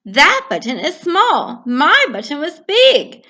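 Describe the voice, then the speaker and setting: A woman's voice: high-pitched, very animated, pushed and bright, voice pushed up, heavily acted. Woman doing a whiny, fussy toad. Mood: indignant. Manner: whiny and indignant, drawn-out complaints. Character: fussy grumpy male toad, easily upset.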